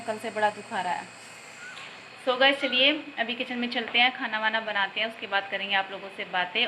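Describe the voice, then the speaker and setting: A woman's voice: on the high side, pushed and bright, a little hiss or hum, poor audio. A woman family vlogger chatting casually and directly to her viewers at home. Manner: chatty, talks straight to viewers. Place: at home indoors.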